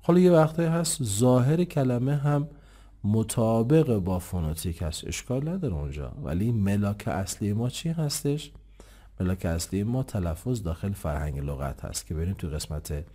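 Low-voiced male English teacher. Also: animated, warm tone. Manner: explains patiently, asks himself questions and answers them; says English examples slowly and clearly. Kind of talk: online English lesson.

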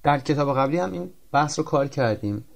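Male tutor, explaining grammar, slow and deliberate on the example sentences. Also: on the high side, animated, vocal fry. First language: Persian. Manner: explains in Persian, reads English examples slowly and carefully. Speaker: English teacher. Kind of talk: recorded grammar lesson.

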